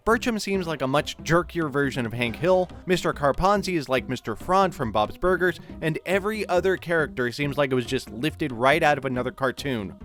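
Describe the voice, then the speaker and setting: A man's voice: fairly high pitch, fairly bright tone. A man delivering a sarcastic, critical opinion commentary for his video channel.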